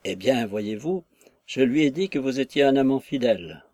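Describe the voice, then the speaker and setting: A man's voice: mid-range voice, lively intonation, normal speed, dark tone, no echo, close to an everyday voice. A man voicing a chatty, gossiping female innkeeper who rattles on with exclamations, in an audiobook reading of a classic novel. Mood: insistent. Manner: garrulous, wheedling, full of exclamations.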